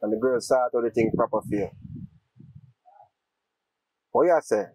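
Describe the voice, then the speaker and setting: A man with a Jamaican accent playing a fast-talking man who teases about money. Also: medium pitch, dark tone, husky, no echo, close to an everyday voice, poor audio. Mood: taunting. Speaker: actor. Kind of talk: low-budget film drama.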